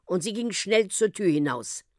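A woman reading a children's story aloud as an expressive narrator. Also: mid-range voice, moderate pace, dry recording, studio quality.

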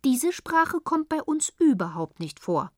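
A woman's voice: high voice, very animated, unhurried, a little mellow, dry recording, clean studio sound, voice pushed up. A woman reading aloud, voicing a pair of silly, grinning male pilgrims who babble nonsense.

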